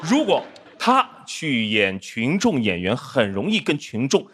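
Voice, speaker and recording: A man's voice: mid-range voice, huge pitch swings, unhurried. A middle-aged man from Shanghai delivering a self-mocking roast set with punchline timing on a studio stage. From Shanghai, China. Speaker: roast guest comedian and actor. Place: studio stage before a live audience. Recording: loud audience laughter and noise.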